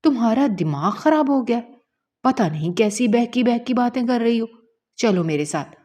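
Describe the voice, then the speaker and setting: A woman's voice: fairly high pitch, animated, mellow, pitched above the performer's own voice. A woman voicing an exasperated, worried young man who scolds and questions in disbelief in a narrated story. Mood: scolding.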